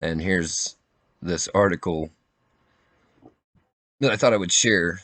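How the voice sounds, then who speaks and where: A man's voice: sits low, takes it slowly, fairly bright tone, no echo. A man talking casually and informally in an earnest, rambling way. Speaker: individual drone operator and video maker.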